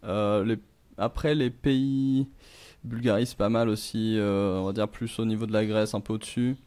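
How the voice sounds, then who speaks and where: A middle-aged man with a lowish voice chats casually. He talks his ideas through out loud, rambling and pausing on fillers. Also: fairly even intonation, clean tone. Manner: rambling, thinking aloud with many fillers. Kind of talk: casual conversation.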